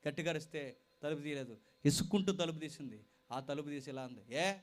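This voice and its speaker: A man preaching a sermon with passion. He moves from loud appeals to quieter storytelling, speaks straight to his listeners and repeats phrases for weight. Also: fairly high pitch, quick pace. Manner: impassioned, swings from loud exhortation to quiet storytelling; addresses listeners directly and repeats phrases for emphasis.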